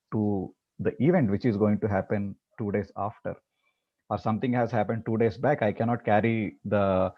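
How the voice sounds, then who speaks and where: A man teaching a meditation class, talking in a halting way with many repeated words and fillers before leading the practice. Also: fairly low pitch, lo-fi sound. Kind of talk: talk before guided meditation.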